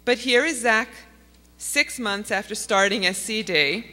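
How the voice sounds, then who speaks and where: A woman's voice: fairly high pitch, measured pace, bright, forceful tone, slight background noise. A middle-aged woman giving an earnest, pleading speech to an audience in a conference hall. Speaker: conference speaker. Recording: long hall reverb.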